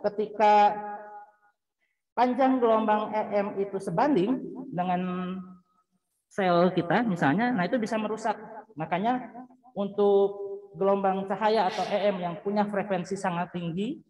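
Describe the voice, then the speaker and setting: A man giving a university physics lecture, explaining patiently, often pausing with fillers and searching for words. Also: sits high, darkish tone, low-quality recording. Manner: patient explaining, checking in with frequent "ya".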